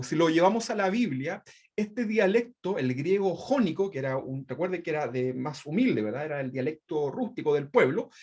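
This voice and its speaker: A man teaching a Bible study class, explaining step by step, often checking in with "right?" and restarting words. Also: sits high. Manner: explanatory, repeats "¿verdad?" often, frequent restarts; refers to projected slides.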